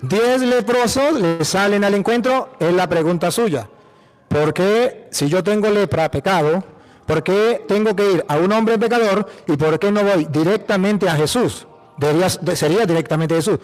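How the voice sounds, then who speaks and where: A priest from Venezuela with a Venezuelan accent, preaching emphatically, repeating phrases and asking rhetorical questions. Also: male voice, high voice, normal speed. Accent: Venezuelan Spanish. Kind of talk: apologetic preaching.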